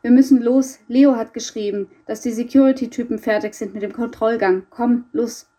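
A woman's voice: a little high, steady tone, normal speed, dark tone, natural voice. A woman voicing a blunt teenage boy. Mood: urgent.

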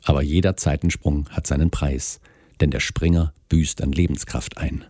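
A man announcing a literature podcast, reading a scripted introduction in a calm, formal way. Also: a bass voice, normal speed, no room sound, studio quality. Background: faint music.

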